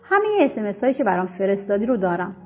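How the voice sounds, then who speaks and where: A woman's voice: medium pitch, very animated, close to an everyday voice. A woman voicing an arrogant, domineering wealthy young man who speaks in a cold, smug, commanding way. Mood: menacing. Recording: slightly muffled with soft music.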